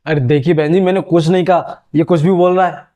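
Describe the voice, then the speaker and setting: A man's voice: on the high side, steady tone, brisk, mellow, natural voice. A man voicing a middle-aged father who blusters and denies things in a flustered way. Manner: blustering denials.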